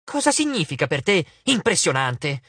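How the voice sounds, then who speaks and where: A man's voice: a little high, sing-song, normal speed, fairly bright tone, husky, no echo, exaggerated voice. A man voicing a young male demigod hero who speaks bluntly and incredulously. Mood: exasperated. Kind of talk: audiobook character voice.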